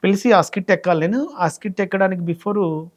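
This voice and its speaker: A rapid-fire male speaker from Telangana in his thirties, recounting his career in an animated way. His voice sits a little high for a man. He now and then acts out the voices of people he quotes. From Telangana, India. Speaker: comedian and mimicry artist guest. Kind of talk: casual interview chat.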